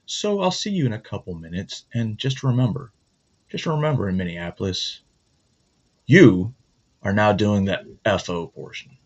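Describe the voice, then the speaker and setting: A man with a lowish, expressive voice hosts his own casual morning show at normal speed. He rambles, cracks jokes and corrects himself, and the recording has a dull lo-fi sound.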